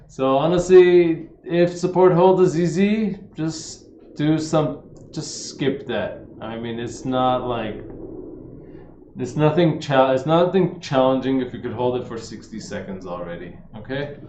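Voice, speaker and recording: A man casually answering viewers' fitness questions on a livestream, relaxed and chatty, often saying "man" and "like". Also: mid-range voice, a little slow, slight background noise. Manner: laid-back, says "man" and "like" a lot, reads questions aloud. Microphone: streaming setup. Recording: roomy, slightly dull livestream audio.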